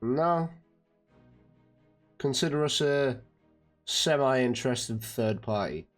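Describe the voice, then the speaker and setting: A man's voice: mid-range voice, animated, takes it slowly, faint music behind. A man playing a blunt adventurer who coldly interrogates a prisoner in a tabletop game. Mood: dismissive. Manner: blunt, threatening.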